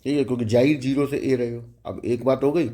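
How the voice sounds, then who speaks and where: A man's voice: mid-range voice, steady tone, brisk, dark tone. A man teaching a math lecture, explaining step by step and often checking in with the students.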